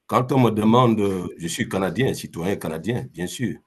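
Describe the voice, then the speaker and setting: On a video call, a company founder from Gabon offers unrehearsed comments as a guest, faltering and repeating himself. He has a lowish, slightly rough voice and keeps a moderate pace.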